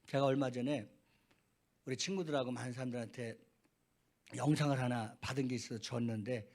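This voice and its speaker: A middle-aged man, a pastor, preaching a sermon in a church, swinging between quiet asides and loud, high, fervent peaks. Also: steady tone, brisk. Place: church sanctuary.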